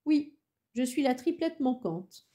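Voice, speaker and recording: A woman's voice: high voice, animated, slow pace, warm tone, pitched above the performer's own voice. A woman reading the lines of a good-humored woman in her late twenties who is cheerful and accommodating, in a storybook.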